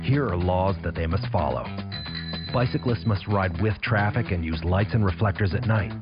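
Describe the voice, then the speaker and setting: Man doing a calm radio psa, kinda deep, dull lo-fi sound like taped off the radio. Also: moderate pace. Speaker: radio announcer. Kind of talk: scripted public service announcement. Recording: dull lo-fi radio tape with music.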